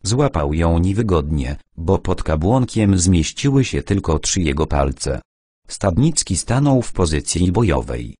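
A man's voice: sits low, big pitch swings, a little slow, warm tone, husky, no room sound, clean studio sound. A man reading a novel aloud as an audiobook narrator, voicing the dialogue only by dropping his voice a little.

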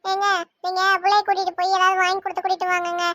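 A woman's voice: very high voice, monotone, very fast, bright, forceful tone, no room sound, studio quality. A woman voicing a caring, firm grandmother in a cartoon, reassuring and sometimes scolding, with a Kanyakumari Tamil accent. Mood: soothing. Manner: reassuring, scolding when needed.

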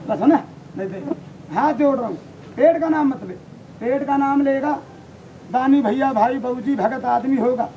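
A man from India working as a street monkey showman, bantering loudly with a crowd and teasing and scolding as he jokes. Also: extremely high pitch, moderate pace, pauses often. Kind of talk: street performance patter to a crowd. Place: outdoor street show. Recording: noisy outdoor street recording with traffic. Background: crowd ambience and passing vehicles.

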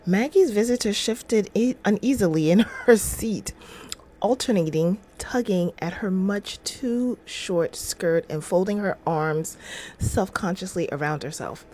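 A middle-aged woman hosts a casual devotional livestream from a small room at home, reading aloud and adding informal, chatty asides. Her voice is mellow and medium-pitched, with a measured pace.

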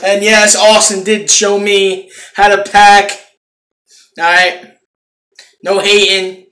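A young man's high-pitched voice sounds pushed and bright yet level in tone as he slowly reviews a product for viewers from a small room at home. He swears often but casually. The phone camera is close up and the sound reverberates.

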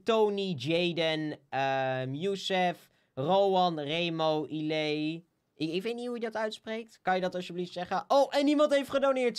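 A young man with a Dutch accent hosts a live game stream. His voice sits high and sounds smooth and clean. He talks casually, stumbles over names and cheers on donors. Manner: chatty, stumbles over names, upbeat shout-outs. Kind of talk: live stream chat with viewers.

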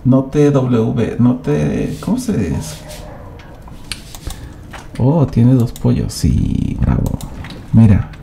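A man's voice: medium pitch, animated, very slow, vocal fry, long pauses, dark tone, slight background noise. A man doing live gameplay commentary as a streamer, chatting and teasing his viewers directly. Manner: chatty, addresses chat directly, teasing banter.

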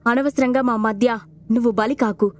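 A woman's voice: on the high side, fairly even intonation, moderate pace, darkish tone, lightly acted. A woman voicing a hot-headed swordsman who speaks with scorn, in an audio storybook. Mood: scornful. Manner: scornful, warning.

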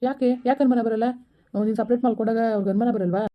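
A woman acting as a defensive, stubborn young husband in a village family drama, talking in a quick, insistent, argumentative way. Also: a little high, fairly even intonation, natural voice. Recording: dull lo-fi recording.

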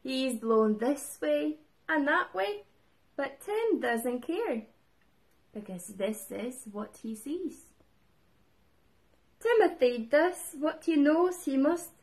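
A woman reading a picture book aloud to young children, lively and expressive, calling out the shouted lines. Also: high-pitched, slow pace, long pauses.

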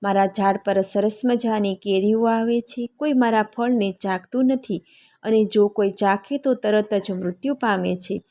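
A sorrowful mango tree from a devotional storybook that has found its voice and begs a traveller for help, as a woman narrator tells it. It is told plainly, in a gentle storytelling voice. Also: medium pitch, measured pace, lightly acted. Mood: pleading.

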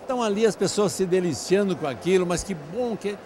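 A man's voice: sits high, animated, fairly quick, a little mellow. Effusive older man at a noisy event. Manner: effusive, grateful, talks in long flowing runs. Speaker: event organizer being interviewed. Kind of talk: outdoor event interview. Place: large covered event hall, crowded charity dinner. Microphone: handheld mic.

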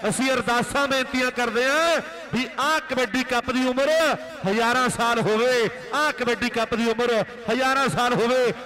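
A man's voice: extremely high pitch, rough recording. A man with an Indian Punjab accent delivering frantic rural sports commentary at a kabaddi tournament, exhorting and repeating his phrases. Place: live commentary at a village kabaddi tournament ground.

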